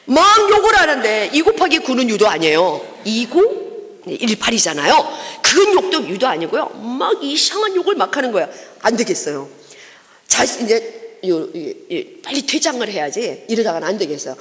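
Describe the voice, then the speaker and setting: A woman evangelist giving a testimony sermon in a church, telling her story in a lively way and acting out the people in it. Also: on the high side, moderate pace. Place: church sanctuary. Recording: long reverb of a church hall.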